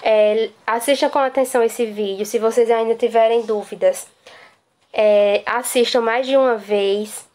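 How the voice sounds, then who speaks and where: Lady teacher, kinda high voice, patient, keeps repeating stuff so the kids get it. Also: fairly even intonation, measured pace, a little mellow. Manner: patient, explanatory, repeats key points. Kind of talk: recorded classroom lesson.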